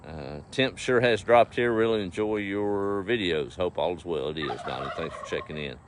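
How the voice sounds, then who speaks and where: With a low-sitting voice, lively intonation and a normal pace, a middle-aged East Texan chats casually on a livestream from his farm. Easygoing and folksy, he talks to the animals and the viewers, and a little outdoor background noise comes through.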